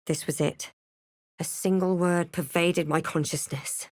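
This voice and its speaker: A woman's voice: on the low side, steady tone, unhurried, darkish tone, no room sound, close to an everyday voice. Actress as dry-recorded young woman fantasy adventurer, snarky. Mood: dramatic, absorbed. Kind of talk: scripted video game voice lines, narration and spell incantations.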